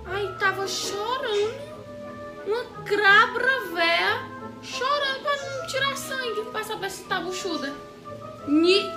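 A woman acting out comedy sketches, blunt and sarcastic, flipping from sweet baby talk to threats. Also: very high voice. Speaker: comedy sketch performer playing a nurse and a lifeguard. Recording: echoey room with loud music.

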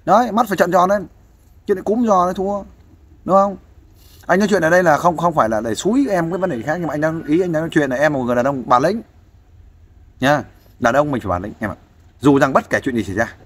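A man's voice: a little high, fast talker, long pauses. A man giving fatherly, persuasive advice in a casual interview, often asking for agreement. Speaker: volunteer counselor interviewing a guest.

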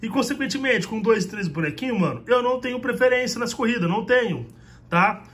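A man's voice: very high voice, brisk, roomy sound. A man, talking casually and animatedly to a phone camera at arm's length in a small room at home. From Brazil. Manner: animated, gesturing, slangy, repeats "mano". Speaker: delivery rider vlogger. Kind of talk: casual vlog talk to camera. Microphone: phone held at arm's length.

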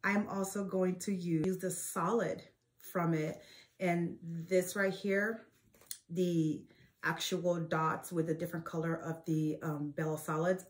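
Forties woman, lower-pitched, casual chatty vlog host, talks to camera in a sewing room. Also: little pitch movement, slow, darkish tone. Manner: chatty, with frequent fillers and restarts. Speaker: quilting channel host. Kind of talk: casual show-and-tell vlog.

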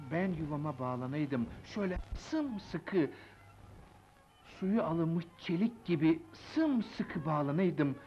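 An actor playing a remorseful older father who laments and blames himself in an old film drama. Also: fairly high pitch. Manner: anguished, lamenting monologue. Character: remorseful older father, grieving and self-blaming. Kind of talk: 1950s film drama acting. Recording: dull old film soundtrack with music.

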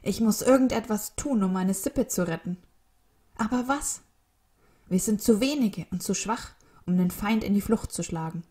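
A woman's voice: mid-range voice, moderate pace, warm tone, voice pushed up, natural voice. A woman voicing a worried male albatross, a weary flock leader who pleads in a raised, strained voice in a storybook reading. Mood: desperate. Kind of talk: storybook read-aloud.

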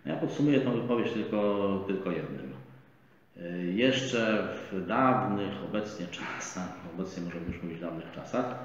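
A middle-aged man giving measured political commentary as a guest at a studio table, talking in a deliberate, lecturing way with frequent drawn-out hesitations. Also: lowish voice, animated. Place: bright indoor studio set at a table. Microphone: table microphone on a stand, camera framed wide. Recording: echoey, roomy, slightly dull, faint hiss.

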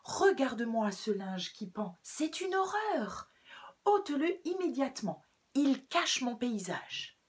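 A woman voicing a grumpy, quarrelsome male rabbit neighbor in a children's story, scolding indignantly in a raised, high voice. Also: sing-song, slow pace, slightly rough, full character voice. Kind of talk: storybook read-aloud for children.

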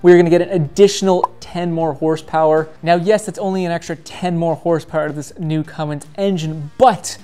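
A man's voice: fairly high pitch, fairly quick, few pauses, clear, resonant tone. Man explaining diesel engines. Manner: energetic, emphatic, talks with his hands. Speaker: diesel mechanic reviewer. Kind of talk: explanatory vlog talk. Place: indoor truck repair shop.

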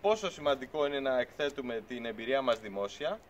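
Outdoors next to a pickup truck at a farm shed, a man in his thirties who runs a beekeeping channel talks casually to the camera. His medium-pitched voice is expressive and earnest with an argumentative streak, and background noise can be heard.

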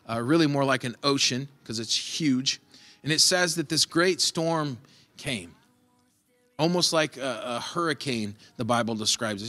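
A man's voice: mid-range voice, pushed and bright. A male pastor preaching a conversational sermon, retelling a Bible story and acting out its voices.

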